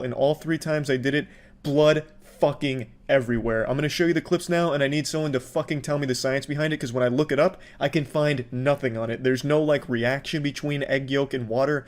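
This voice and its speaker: A man talking casually to camera as a content creator, blunt, profane and exasperated. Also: mid-range voice.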